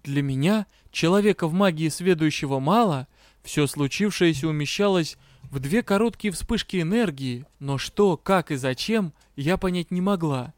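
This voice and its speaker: A man reading a fantasy novel aloud as narrator, with a steady storytelling delivery. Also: a little high, normal speed, no room sound, clean studio sound. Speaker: audiobook narrator. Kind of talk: scripted narration.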